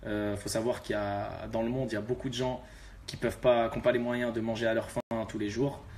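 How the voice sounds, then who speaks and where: A young rapper talks straight to his fans in a relaxed, slangy way, his voice sitting low. A faint hum lingers under the recording. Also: brisk. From Algeria. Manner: laid-back, street slang, addresses viewers directly. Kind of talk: casual talk to fans.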